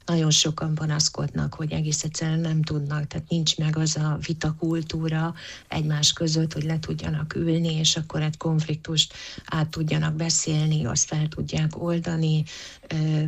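A woman's voice: low-pitched, monotone, creaky, husky. A woman answering interview questions as a psychologist, thoughtful, with frequent hesitations and restarts. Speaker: psychologist guest.

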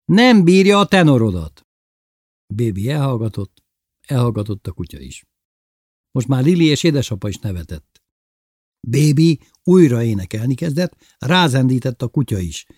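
A man narrating a story in a steady, measured audiobook reading. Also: mid-range voice, breathy edge, no echo, studio quality.

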